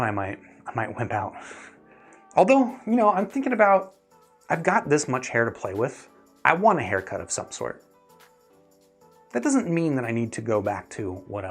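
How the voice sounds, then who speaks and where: This man hosts and reviews gear, offering opinions in a casual livestream where he answers viewer questions and thinks aloud. His voice sits in the mid range and is slightly rough.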